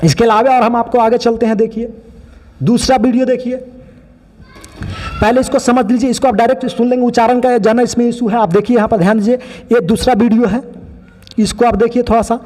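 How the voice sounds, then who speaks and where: A man's voice: very high voice, little pitch movement, fairly quick, pauses often, mellow, long reverb tail. A man teaching biology, pointing out other teachers' mistakes in a critical, explaining way. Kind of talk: online lesson commentary.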